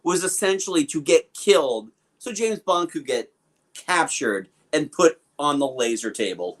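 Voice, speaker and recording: On a podcast, a man co-hosts a laid-back film review, riffing with lots of fillers and opinions. He speaks a little slowly, on the high side, with lively intonation.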